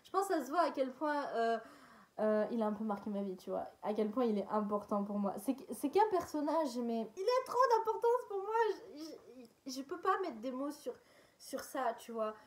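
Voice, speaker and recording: A woman's voice: on the high side, expressive, moderate pace, darkish tone. A young woman chatting casually as she answers viewer questions, hesitant and full of fillers and small laughs. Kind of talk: casual chat.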